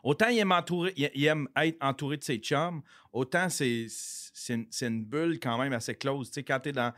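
A man's voice: mid-range voice, normal speed, fairly bright tone, no echo. A man with a Québécois French accent, a podcast guest rambling in casual chat, swearing freely and slipping in English phrases.

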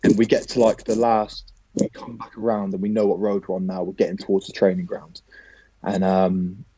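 A man, a professional footballer, telling a lively anecdote as a podcast guest, casually swearing now and then. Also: low-pitched, moderate pace, breathy edge, muffled recording.

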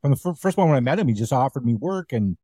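A man's voice: mid-range voice, lively intonation, quick pace, mellow, breathy edge, no echo, studio quality. A man who does comedy, telling a story in casual chat and acting out other people's lines. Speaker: comedian guest.

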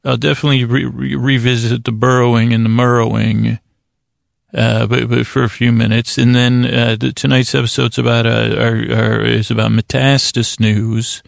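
This is a man with a medium-pitched, creaky voice and a level tone, hosting a bedtime podcast. His monologue wanders as he halts, stammers, and makes frequent false starts, drifting into goofy, self-mocking asides. The studio sound is clean, with no room sound at all.

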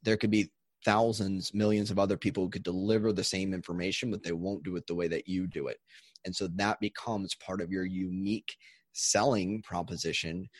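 A man's voice: low voice, steady tone, normal speed, dry recording, studio quality. A man talking as a guest in an interview, explaining his ideas with enthusiasm and a few restarts. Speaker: audiobook coach and guest. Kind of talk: conversational interview.

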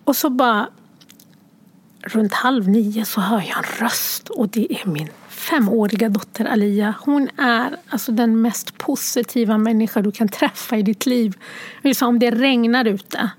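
A woman telling a personal story in a halting, soft-spoken way, tearful and often sinking to a near whisper. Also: fairly high pitch. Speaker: guest sharing a personal story.

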